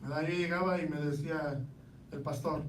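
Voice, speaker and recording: A man's voice: on the high side, fairly even intonation, moderate pace, slight background noise. A man with a Mexican accent preaching a sermon in a conversational way, often asking the congregation rhetorical questions. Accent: Mexican Spanish. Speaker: lay preacher. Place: church hall. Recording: roomy hall from a distance.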